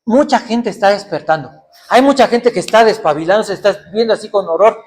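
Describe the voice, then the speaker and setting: High-voiced preacher man. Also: brisk, slight background noise. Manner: rhetorical questions, acts out excuses in other voices. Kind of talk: sermon.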